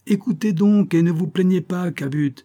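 Brief: a man playing an amused, courteous officer, warm, slightly raised. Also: high voice, moderate pace, pitched above the performer's own voice, natural voice. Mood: persuasive. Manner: courteous, persuasive. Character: patient, amused male army captain.

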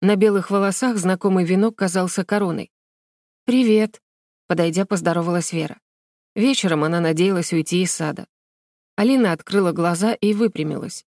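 A woman's voice: fairly low pitch, fairly quick, a little mellow, no echo. Woman narrating a storybook, dry close sound. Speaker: audiobook narrator. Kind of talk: scripted narration.

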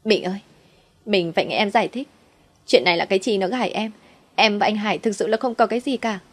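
A woman's voice: mid-range voice, fast, voice pushed up, natural voice. A woman voicing a tearful young wife who pleads with her husband. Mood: pleading.

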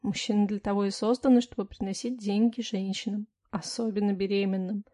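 A woman's voice: mid-range voice, level tone, fairly quick, dark tone. A young woman reading a first-person audiobook story in an ironic, chatty manner. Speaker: audiobook narrator.

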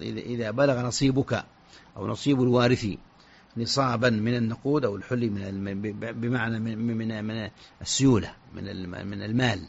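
Halting, gravelly-voiced man giving religious rulings. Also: on the low side. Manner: halting, many restarts and repeated syllables. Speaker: Islamic scholar answering listener questions. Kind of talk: radio religious Q&A answers. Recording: dull lo-fi radio recording.

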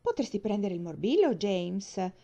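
A woman's voice: mid-range voice, very animated, moderate pace, muffled recording. Woman playing a stern disapproving old aunt. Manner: disapproving, sharp. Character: stern strict elderly aunt.

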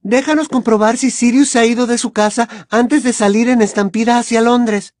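A woman's voice: fairly high pitch, fairly even intonation, moderate pace, a little mellow, no echo, clean studio sound, close to an everyday voice. A woman voicing a clever, anxious teenage girl witch who talks with urgent earnestness. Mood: urgent, pleading.

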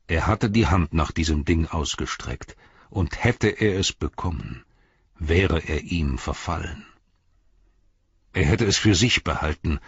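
A man's voice: low voice, husky, no echo, highs cut off, full character voice. Man voicing a grave old wizard. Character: wise old male wizard, grave and steady. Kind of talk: audiobook character reading.

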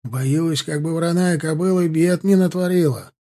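A male audiobook reader voicing a burly, out-of-breath coachman who asks questions in a hurried, anxious way. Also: a little high, mellow, natural voice.

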